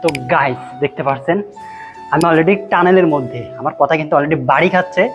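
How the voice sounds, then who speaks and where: A travel vlogger from Pabna, Bangladesh, talking with excitement while his voice echoes inside a tunnel under a railway line. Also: on the high side, brisk. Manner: enthusiastic, exclaiming. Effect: echoing inside a tunnel. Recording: dull lo-fi sound with faint music behind.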